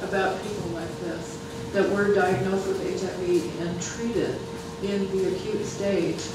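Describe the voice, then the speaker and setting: The recording, made from far off in a big, echoey and noisy meeting room, catches a speaker presenting data at a health planning council. Their voice sits at medium pitch with flat delivery, and they stumble, pausing and starting sentences over often.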